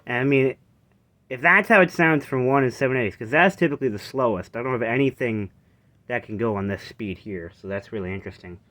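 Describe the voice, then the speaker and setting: Brisk and a bit bright, this man's medium-pitched voice comes through a handheld phone camera with slight hiss or hum. He's casually showing off a vintage reel-to-reel tape recorder, unscripted, rambling and stopping mid-thought.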